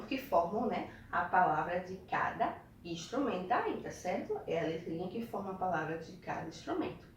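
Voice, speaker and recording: A woman's voice: on the low side, very echoey, recorded from a distance, a little hiss or hum. A woman from Brazil teaching a video lesson, guiding children through textbook exercises and checking in with frequent tag questions. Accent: Brazilian Portuguese.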